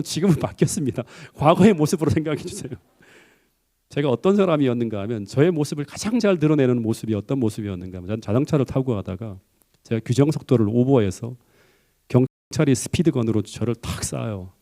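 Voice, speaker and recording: Animated Korean pastor, man. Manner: animated storytelling, rising to emphatic high peaks. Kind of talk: sermon with personal story.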